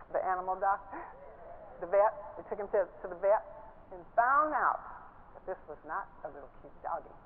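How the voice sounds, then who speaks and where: An older woman preaching a sermon from a church stage, lively and laughing as she stresses her points. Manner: animated, laughing, rising pitch when stressing points. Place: large church stage, indoors. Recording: tinny phone-like broadcast sound with faint hiss.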